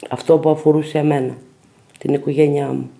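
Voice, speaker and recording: A man's voice: fairly high pitch, little pitch movement, creaky, mellow. A man, a parent, giving a bitter, accusing documentary testimony. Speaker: interviewee, parent.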